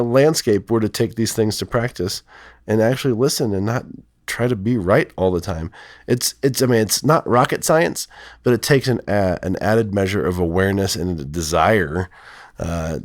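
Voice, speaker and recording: A male counselor with a voice lowered by illness, explaining in a rambling, hesitant way full of fillers. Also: no echo, studio quality. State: sick, voice lowered from strep throat. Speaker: counselor and podcast co-host. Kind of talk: casual podcast conversation.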